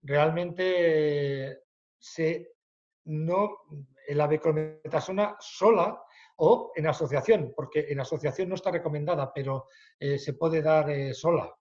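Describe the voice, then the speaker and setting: A man's voice: fairly high pitch, darkish tone, dull audio. A man with a Spanish accent answering questions as a medical expert in a webinar, with many hesitations. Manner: hesitant, many fillers, then quick explanations.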